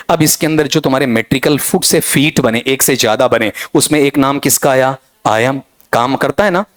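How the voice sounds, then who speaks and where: Male teacher, classroom lecture, lively higher voice that keeps asking questions. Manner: animated, questioning students constantly, repeats "theek hai?".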